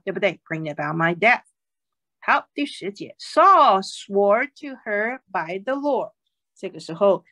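Woman, Bible English teacher, animated pitch, slightly husky, reads verses slowly then explains. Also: no room sound. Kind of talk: bilingual Bible lesson.

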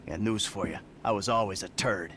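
An actor playing a sarcastic, exasperated middle-aged retired crook who curses a lot, in a video game cutscene. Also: male voice, lowish voice, a little fast, a bit bright, a little hiss or hum, lightly acted. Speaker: retired criminal character.

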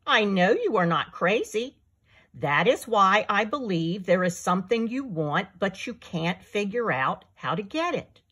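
A patient male owl from a children's storybook asks his questions gently and calmly, as a woman reads him. Her delivery is unhurried and slightly breathy. The tone stays kind and even-tempered. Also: medium pitch.

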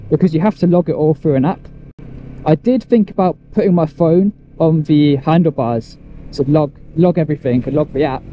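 A man rambles cheerfully to his viewers while out on his motorbike, walking through the details one step at a time. His voice sits a little high but sounds very dark and mellow. Faint road and traffic noise hums under the helmet mic. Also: poor audio. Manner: chatty, rambling, explains step by step. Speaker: motorcycle vlogger. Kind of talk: casual chat to camera while riding.

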